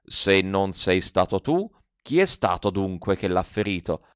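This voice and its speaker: A man voicing a stern, gruff policeman who speaks in curt commands, in a storybook reading. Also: low voice, very animated, a little slow, dry recording, voice pushed down. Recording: dry, slightly dull recording.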